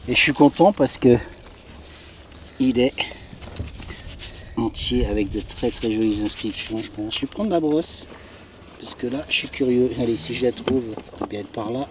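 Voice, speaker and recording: A man's voice: medium pitch, normal speed, pauses often. A man hosting a casual outdoor vlog, chatting to the camera and a companion in an enthusiastic, chatty way. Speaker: host of a metal-detecting vlog. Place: outdoors in an open field. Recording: noisy outdoor field recording.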